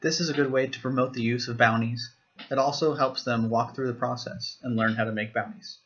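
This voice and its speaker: Man explaining software step by step. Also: medium pitch, fairly even intonation, fairly quick, highs cut off. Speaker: software demo presenter. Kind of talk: screen-recorded software walkthrough.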